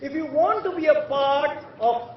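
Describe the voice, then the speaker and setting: A man's voice: very high-pitched, lively intonation, unhurried. A man giving an earnest podium speech to an audience, speaking rhetorically in short, emphatic phrases. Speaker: conference keynote speaker. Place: large event hall. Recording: echoey hall, distant mic, muffled.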